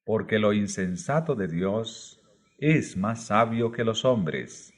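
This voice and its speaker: A man narrating a religious book aloud, reading in slow, measured short phrases. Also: lowish voice, animated. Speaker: audiobook narrator.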